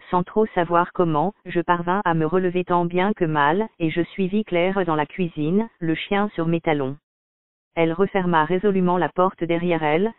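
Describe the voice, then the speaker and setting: High, clear male audiobook narrator. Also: no room sound. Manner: calm, measured reading. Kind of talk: scripted first-person narration. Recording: dry, tinny phone-like audio.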